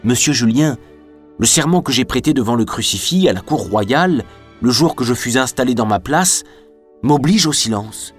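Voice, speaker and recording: A man's voice: medium pitch, expressive, normal speed, husky, faint music behind, pitched above the performer's own voice. A man voicing a sly, greedy giant of a jailer who talks in a falsely sweet, fawning way.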